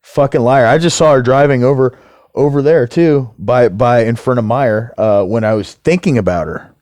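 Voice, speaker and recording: A man's voice: mid-range voice, normal speed, darkish tone, dry recording, studio quality. A man talking in a casual monologue to camera as a vlogger, ranting heatedly and swearing.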